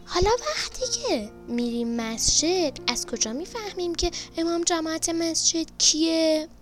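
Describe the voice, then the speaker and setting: A woman voicing a gentle, patient mother who calmly explains and praises her daughter. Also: very high voice, voice pushed up. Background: background music.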